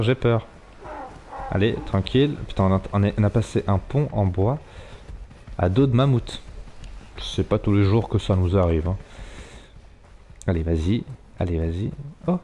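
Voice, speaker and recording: A man's voice: on the low side, dark tone, slight background noise. A man streaming a live game, chatting loosely, cursing and talking to the animals he rides. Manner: chatty, swearing, talks to his animals. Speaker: let's play streamer. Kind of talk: live gameplay commentary.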